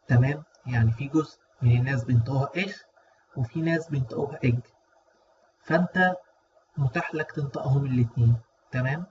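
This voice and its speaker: Egyptian Arabic-accented male teacher, casual and patient, repeats phrases slowly, muffled recording with a faint hiss. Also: mid-range voice, a little mellow. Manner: repeats words slowly and drawn out, checks in with listeners. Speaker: German language teacher. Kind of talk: casual spoken lesson. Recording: dull lo-fi audio with faint noise.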